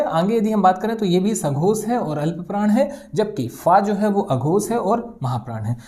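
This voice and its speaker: A woman's voice: medium pitch, dark tone. A woman teaching an exam-prep grammar lesson, explaining step by step and repeating key terms for students to note down. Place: video lesson recording.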